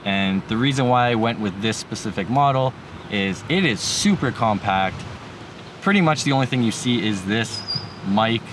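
Sitting inside a parked jeep with the door open, a man in his thirties gives a casual product walkthrough of some vehicle gear to the camera. His fairly low voice is easygoing but keen, expressive and moderately paced, in everyday words. Vehicle and outdoor noise come through clearly behind him.

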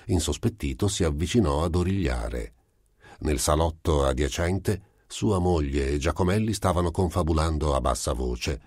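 A man reading a short story aloud as an amateur audiobook narrator, in a steady, measured way. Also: rumbling low, dry recording, clean studio sound. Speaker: audiobook reader.

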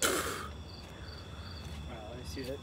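A man chatting casually outdoors from off camera, giving terse instructions and short remarks. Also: slow pace. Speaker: off-camera helper in a challenge video. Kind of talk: casual chat. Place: outdoors in a backyard. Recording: noisy outdoor audio, off-camera voice. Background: crickets and outdoor ambience.

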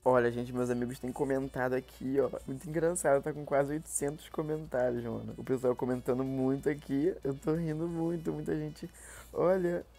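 Picture a young man talking straight into his phone, chatty and excitable, slipping in and out of giggles. His pitch sits in an ordinary middle range. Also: normal speed, creaky, soft background music. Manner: chatty, excitable, often half-laughing. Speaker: YouTuber. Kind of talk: casual prank vlog narration.

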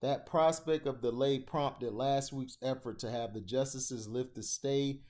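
A man's voice: steady tone, measured pace. A man reading a news article aloud for his channel, stumbling now and then and correcting himself. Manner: gets louder and higher when he starts giving his own opinion.

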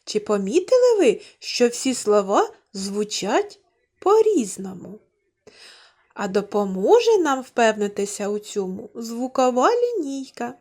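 A woman's voice: on the high side, sing-song, measured pace, darkish tone. A woman teaching young children, drawing out words in a sing-song way and asking them questions. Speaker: kindergarten teacher. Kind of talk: slow, clearly enunciated lesson for young children.

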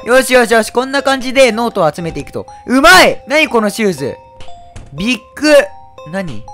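A man with a hoarse, worn-out voice giving loud, excitable let's-play commentary as a game streamer, with frequent shouted reactions. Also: high-pitched. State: hoarse throat.

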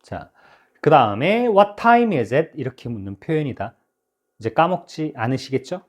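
A man teaching a spoken English lesson, his voice a little higher than most men's and rising and falling with lively energy. He says each English example slowly and carefully, and he stumbles over his words and restarts now and then.

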